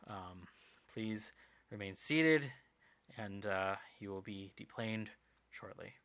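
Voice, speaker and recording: A man voicing a weary airline pilot who sighs before making a calm intercom announcement. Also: fairly low pitch, takes it slowly, voice pushed down.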